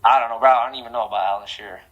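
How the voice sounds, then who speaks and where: A man from Croatia, a guest in a casual rapid-fire this-or-that interview, talking in an animated, slangy way with lots of "bro" and "like". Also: medium pitch, poor audio.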